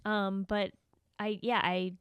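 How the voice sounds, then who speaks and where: A woman's voice: mid-range voice, level tone, takes it slowly, fairly bright tone, clear, resonant tone, dry recording. A woman co-hosting a podcast in casual chat, upbeat and giggly. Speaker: podcast co-host.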